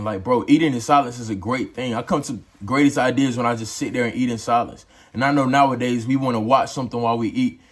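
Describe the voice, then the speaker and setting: A young adult man talking straight to camera in a casual, preachy way, calling his viewers bro and dog as he gives life advice. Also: medium pitch. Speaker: vlogger. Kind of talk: motivational talk to camera.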